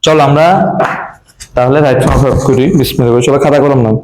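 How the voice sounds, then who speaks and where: Bangladeshi Bengali male teacher, mid-pitched, drilling students with questions, roomy echo. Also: fairly even intonation, fast talker, heavy background noise. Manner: quizzing students, repeating key words. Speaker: English teacher. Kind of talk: classroom grammar lesson. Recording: echoey classroom.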